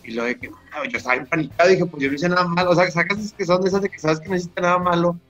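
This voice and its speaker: A man's voice: high-pitched, racing, fairly bright tone, lo-fi sound, soft background music. A young man with a Mexican accent telling a long, rambling story in slangy casual chat on a podcast. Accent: Mexican Spanish. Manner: rambling, slangy, full of restarts. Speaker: podcast guest.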